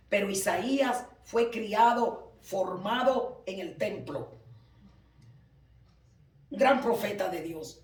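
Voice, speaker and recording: A man preaching a sermon in a church, fervent and emphatic, rising at times to shouts. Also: high-pitched. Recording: roomy, from far off the mic.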